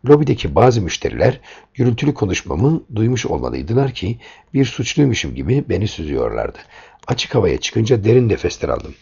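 A man's voice: on the low side, sing-song, a little fast, creaky, mellow, breathy edge. A man reading a first-person story aloud in a tense, dramatic way, in a dull lo-fi recording.

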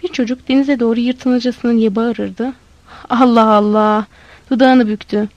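Woman reading a story out, bit high voice, dry muffled sound. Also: fairly even intonation, normal speed, warm tone, dry recording. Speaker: narrator. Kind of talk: storybook narration.

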